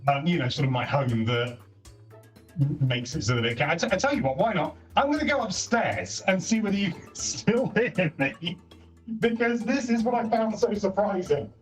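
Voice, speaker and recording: This co-host has a high-pitched, animated voice at normal speed and is testing a console feature while chatting casually over a voice call. The console's built-in microphone catches him from across the room as he moves around his home; his voice carries, he keeps correcting himself mid-sentence, and "don't get me wrong" comes up a lot, all heard distantly over game chat with music.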